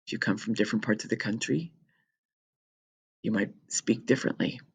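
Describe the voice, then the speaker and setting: A woman teacher talking through a recorded lesson for her students in a chatty, jokey way, explaining with quick asides. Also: very deep voice, husky.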